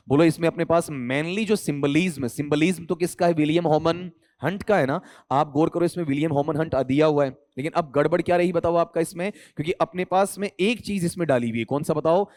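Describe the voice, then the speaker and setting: एक पुरुष अंग्रेज़ी शिक्षक, राजस्थानी हिंदी लहजे में, परीक्षा की तैयारी का लेक्चर देता है और बार-बार छात्रों से सवाल पूछता है।. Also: male voice, no room sound. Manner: lively, keeps quizzing students with "bataao" and "theek hai"; rises and drops pitch a lot for emphasis. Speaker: English teacher for competitive exams. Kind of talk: exam coaching lecture in Hindi.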